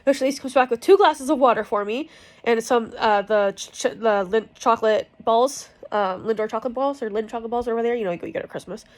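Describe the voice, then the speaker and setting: A woman's voice: fairly high pitch, fast. A young woman telling a personal story in a casual, rambling way, frank and full of fillers and swearing. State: in pain from cramps. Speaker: vlogger.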